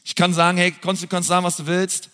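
A man's voice: high voice, completely flat delivery, quick pace. A man preaching a sermon as pastor, earnest and talking straight to his listeners with frequent fillers. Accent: German. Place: large church hall. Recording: church hall with long reverb and soft music.

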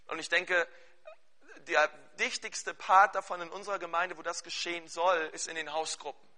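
A male pastor preaching with a high voice and a very bright, forceful tone. He talks animatedly and keeps checking in with his listeners. He also leads a fervent spoken prayer. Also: moderate pace. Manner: animated preaching with questions to the congregation. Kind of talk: sermon.

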